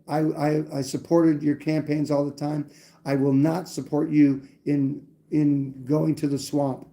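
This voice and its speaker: Blunt, rambling man with a mellow voice. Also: fairly high pitch, little pitch movement, a little slow, vocal fry. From New Hampshire. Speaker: livestream host. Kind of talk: casual political talk.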